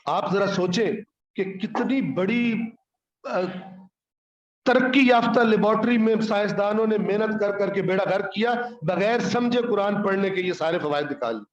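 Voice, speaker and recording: High-voiced preacher in a roomy hall. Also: male voice, normal speed, muffled recording. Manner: scolding, rhetorical questions, quotes Arabic. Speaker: Islamic scholar preaching. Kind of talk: Urdu sermon on the Quran.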